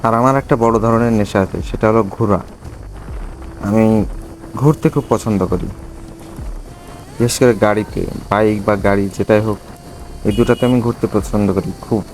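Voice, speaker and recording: A man's voice: on the low side, steady tone, moderate pace, pauses often, a little mellow, slight background noise, poor audio. A man with a Bangladeshi accent chats casually and reflectively to viewers as he rides, speaking from inside a motorbike helmet. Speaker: motovlogger. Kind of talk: casual riding vlog chat.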